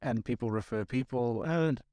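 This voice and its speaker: A man's voice: mid-range voice, moderate pace, mellow, no room sound. A man hosting a panel podcast who asks loose questions and often restarts his sentences. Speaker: podcast host. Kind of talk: casual interview questions.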